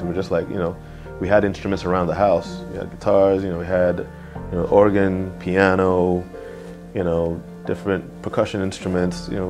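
A young man from Nigeria, a music producer, talking casually in an interview in a music studio, often saying "you know". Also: deep voice. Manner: relaxed, fills pauses with "you know".

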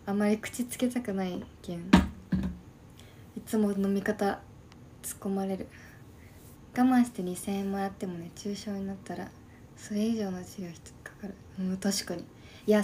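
Woman in her early 20s, casual live-stream chat, soft half-whispered delivery, mellow tone, streaming from home. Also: mid-range voice, slight background noise. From Shimane, Japan. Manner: soft, quiet, often half-whispered talk. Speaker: livestream host. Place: at home by an open window.

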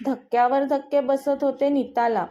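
A woman's voice: high voice, fairly even intonation, normal speed, mellow, muffled recording. A woman narrating a romantic story and reading every character in her own voice.

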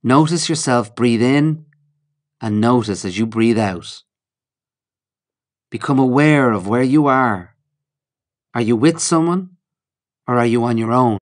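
A man's medium-pitched voice leads a mindfulness session, delivering brief, calm, measured instructions punctuated by pauses.

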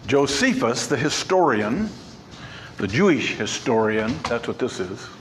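A man's voice: medium pitch, very animated, a little slow, slight background noise. Emphatic man preaching a sermon. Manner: emphatic, repeats key words. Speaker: pastor. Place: church sanctuary.

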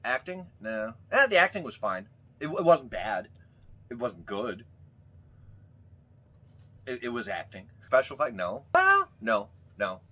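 A man's voice: medium pitch, a little slow, pauses often. An American man co-hosting a movie review podcast, ranting casually and swearing a lot. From United States. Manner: ranting, profane, animated. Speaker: podcast co-host.

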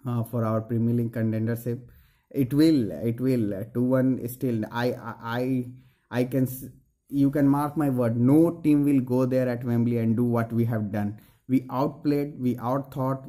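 A young man with an Indian English accent, giving an earnest, halting post-match analysis to camera from a small room, with many fillers and restarts. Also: medium pitch, dark tone. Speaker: football fan vlogger.

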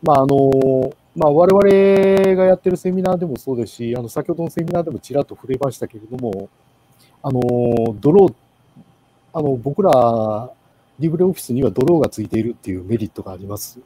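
A man giving a casual presentation in an online meeting, with many pauses and fillers. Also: medium pitch, expressive, dark tone, rough recording. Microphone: video call.

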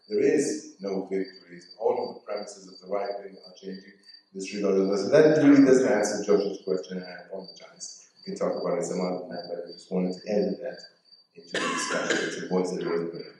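A man's voice: deep voice, darkish tone. A man speaking as a panelist at a discussion, hesitant with many fillers and restarts, on a large auditorium stage. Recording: very echoey hall, distant mic.

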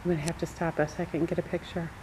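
With a low voice, little pitch movement, and rapid-fire speech, a middle-aged rideshare driver narrates a casual vlog, chatty and full of wonder. The handheld camera picks up noise from the car and wind, first while driving with windows down and later in an open barn.

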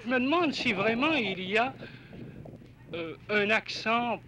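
A man pondering his answer slowly in a street interview. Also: high voice, animated. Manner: slow, pondering. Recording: 1967 archival street recording with noise.

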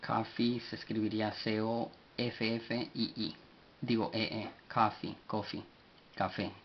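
A man giving a spoken language lesson, slowly spelling out words letter by letter with many pauses and fillers. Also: lowish voice, little pitch movement. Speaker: language teacher. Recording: dull recording with faint hiss.

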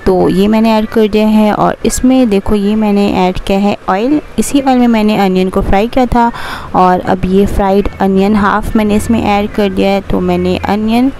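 A woman's voice: mid-range voice, steady tone, moderate pace, vocal fry, dark tone, slight background noise. A young woman chatting through her home cooking steps in a casual voice-over, explaining each step as she goes. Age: young adult. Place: home kitchen.

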